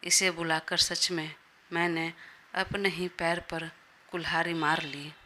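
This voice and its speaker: Woman voicing a gruff young male boss. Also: on the low side, level tone, a little slow, bright, forceful tone, slight background noise.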